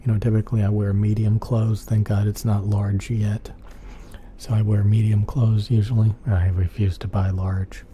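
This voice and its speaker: Male, low soft voice, very mellow and dark, casual ASMR rambling, repetitive, noisy background. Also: flat delivery, normal speed. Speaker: ASMR channel host. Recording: clear background noise.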